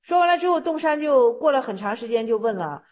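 A woman's voice: a little high, animated, fast talker, darkish tone, muffled recording. A woman giving an informal talk on Zen koans, retelling the story loosely and often repeating phrases as she explains.

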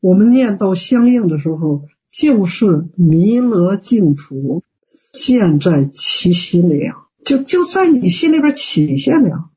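On dull lo-fi call audio, a man with a high-pitched, mellow, husky voice and big pitch swings speaks a little slowly. He's a Buddhist teacher answering students in an online Q&A, plain-spoken and folksy, with lots of fillers and rhetorical questions.

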